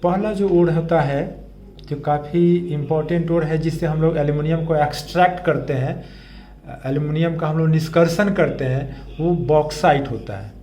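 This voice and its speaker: Male chemistry teacher, high voice, patient and repetitive, echoey room faint hiss. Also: moderate pace, dark tone. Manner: patient, repeats key terms and asks the class questions. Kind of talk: classroom lecture with memory tricks.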